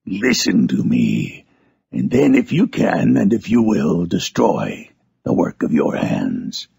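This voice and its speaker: A man voicing a wretched, eloquent monster in a Gothic novel, pleading with theatrical, archaic passion in a gravelly, raspy voice. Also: deep voice, wildly swooping pitch, takes it slowly, a little mellow, voice pushed down, heavily acted. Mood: imploring, accusing. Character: wretched, eloquent, vengeful male monster pleading with his creator. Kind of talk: dramatic reading of a Gothic novel.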